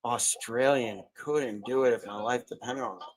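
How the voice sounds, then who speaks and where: A man's voice: mid-range voice, a little fast. A man hosting a live fight stream, giving betting commentary and cheering the fighters on. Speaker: livestream host.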